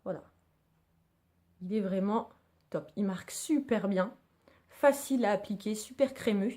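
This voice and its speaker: A woman reviews her favorite makeup for her viewers in a casual beauty vlog, chatty, excited and full of slang, calling them girls. Her voice is mid-range and mellow, and she speaks at a measured pace.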